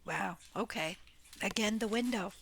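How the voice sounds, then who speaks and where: A woman's voice: mid-range voice, unhurried, gravelly, fairly bright tone, a little hiss or hum. Blunt woman giving a tarot reading. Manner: blunt, exclaiming, scolds viewers with profanity. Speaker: tarot reader. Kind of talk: casual tarot reading monologue. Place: home room near a window.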